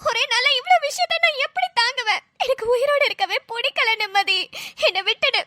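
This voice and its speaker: A woman's voice: very high voice, fairly quick, bright, forceful tone, dry recording, studio quality. A woman voicing a tearful, despairing young wife and mother who wails her pleas in a cartoon. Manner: sobbing, wailing pleas. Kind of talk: dubbed cartoon voice acting.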